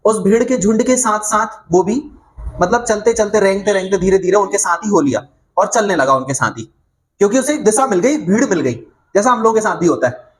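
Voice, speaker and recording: A man's voice: high voice, lively intonation, brisk, rough recording. A man telling a motivational story, in an earnest, emphatic way with much repetition, checking in with his listeners. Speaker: motivational speaker.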